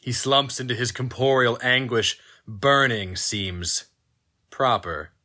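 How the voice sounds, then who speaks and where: A narrator gives a slow, intense dramatic reading of dark fiction. At times his voice climbs into high, strained cries.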